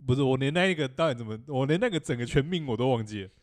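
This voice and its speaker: A man, co-hosting a casual podcast chat with quick, teasing comebacks. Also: medium pitch, expressive. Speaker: podcast co-host.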